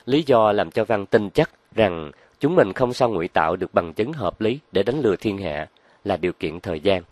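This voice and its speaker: A man reading a crime novel aloud as narrator, in a measured storytelling manner. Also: lowish voice, expressive, darkish tone, dry recording.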